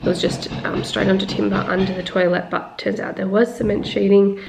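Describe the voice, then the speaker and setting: A young Australian woman with a snuffly, blocked nose films herself at arm's length on a handheld camera in a bathroom under renovation, chatting casually, laughing and using lots of fillers in her vlog. Her voice is medium-pitched, level and gravelly, a little fast, against a noisy background.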